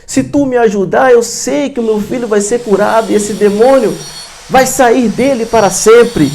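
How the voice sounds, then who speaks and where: A man's voice: normal speed, vocal fry, darkish tone, a little hiss or hum. A preacher acting as a desperate begging father. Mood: pleading. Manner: pleading, tearful, high and strained. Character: desperate father begging for his possessed son.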